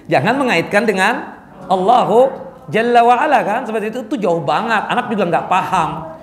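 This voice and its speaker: A man's voice: high voice, expressive, moderate pace, echoey room. A man preaching casually in a mosque, answering questions and often checking whether the audience understood. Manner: conversational, asks the audience "jelas?" often.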